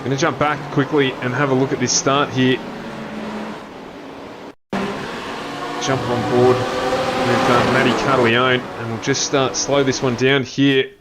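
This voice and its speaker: A man's voice: level tone, slow pace, pauses often, very noisy. Man calling a sim race. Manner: reels off names, jumps in pitch at crashes. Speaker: race commentator. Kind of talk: sim racing commentary.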